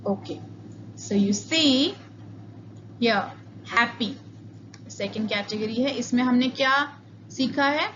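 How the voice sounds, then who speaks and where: Woman, grammar teacher, very slow, higher voice, dull lo-fi sound. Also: a bit bright, a little hiss or hum. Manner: mixes Hindi and English, slow and deliberate, spells out letters. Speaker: English teacher. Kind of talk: grammar lecture.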